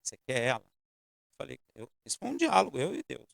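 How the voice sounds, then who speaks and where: A man's voice: mid-range voice, wildly swooping pitch, a little fast, creaky, no echo, clean studio sound. A man preaching a sermon as pastor, telling a personal story and speaking directly to his congregation. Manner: storytelling with shifting loudness, addresses congregation directly. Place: church.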